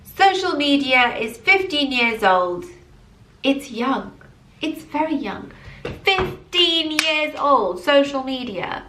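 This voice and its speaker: Early thirties woman vlogging to camera, pumped up and repeating herself for emphasis, kinda high pitched, roomy echo. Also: slow pace, distant mic, slight background noise. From England. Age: early 30s. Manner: animated, emphatic repetition. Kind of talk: casual motivational vlog. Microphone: camera mic.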